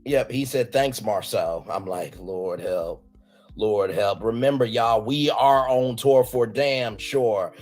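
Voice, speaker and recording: A man co-hosting a casual chat that recaps a reality show. He swings between low mutters and loud, high exclamations. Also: takes it slowly. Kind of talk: casual gossip chat with impressions.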